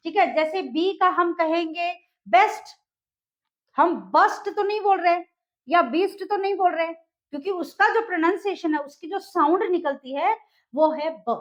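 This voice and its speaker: A woman teaching an English lesson, explaining letter sounds patiently and repeating herself, often asking "clear?". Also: extremely high pitch, dull audio. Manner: patient, repetitive, checks in with "clear?". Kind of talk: classroom-style lesson.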